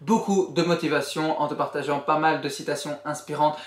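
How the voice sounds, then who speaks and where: A man's voice: a little high, fairly even intonation, brisk, echoey room, a little hiss or hum. A young man summarizing a book in a casual vlog, earnest and encouraging as he speaks directly to the viewer. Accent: Belgian French. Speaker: YouTuber.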